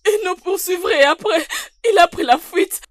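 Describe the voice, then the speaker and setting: A tearful, distraught daughter. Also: female voice, very high voice, moderate pace, dry recording, studio quality. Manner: tearful, pleading. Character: distraught young daughter, recovering lost memory. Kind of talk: French-dubbed film acting.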